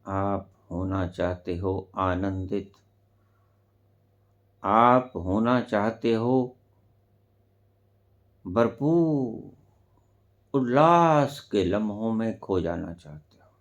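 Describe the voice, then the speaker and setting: Slow, deep-voiced spiritual teacher, man. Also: dull audio. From India. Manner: slow, deliberate, sudden loud emphatic rises. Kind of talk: spiritual discourse.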